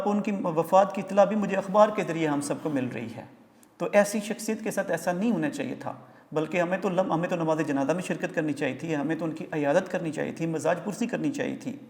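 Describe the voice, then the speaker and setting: A male teacher gives a classroom lecture that moves line by line through a text. He stops to explain pronunciation and meanings, often pausing on filler sounds. The room leaves a long reverberant tail on his voice. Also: high-pitched, a little mellow.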